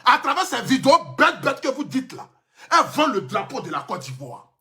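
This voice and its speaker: A man's voice: extremely high pitch, very animated, fairly quick, bright, forceful tone, faint music behind. Impassioned Ivorian man ranting live. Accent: Ivorian French. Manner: impassioned, emphatic, repetitive. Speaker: social media personality. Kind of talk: live stream rant.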